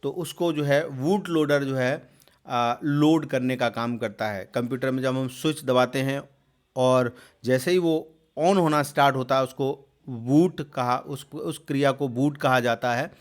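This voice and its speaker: A man explaining quiz answers as a computer exam tutor. He repeats terms with many fillers and pauses, and raises his voice loudly to read out each new question. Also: mid-range voice. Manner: repeats terms and fills with "jo hai" and hesitations.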